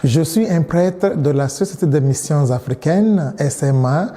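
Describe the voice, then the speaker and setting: Dark-voiced Nigerian-born priest in a hall. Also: male voice, a little high, animated. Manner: measured, with frequent restarts and repeated words. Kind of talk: interview answers.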